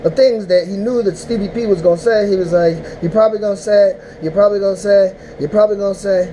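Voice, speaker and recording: Man recapping a battle, rambling, animated, high voice, mellow tone, faint hiss. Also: fast talker, low-quality recording. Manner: animated, rambling, mock-emotional outbursts. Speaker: battle rap recap host. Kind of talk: casual vlog recap. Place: indoors, smoking while talking.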